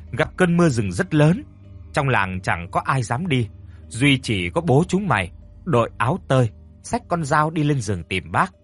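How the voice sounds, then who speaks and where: A man voicing a kindly old village chief in a storybook reading, talking in a gruff, paternal way. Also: mid-range voice, fairly bright tone.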